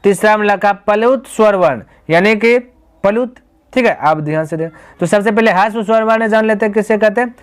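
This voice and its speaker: Speaking a little fast, a man whose smooth voice sits high leads a grammar lesson. He explains things stepwise, answers the rhetorical questions he puts to his students, and addresses them as "my brother."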